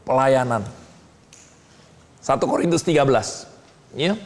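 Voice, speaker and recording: A man preaches an animated sermon to a discipleship class, constantly posing questions like "betul tidak?" and pausing for the room to respond. His lively call-and-response style swings between high exclamations and low asides, with long hall reverb on the recording.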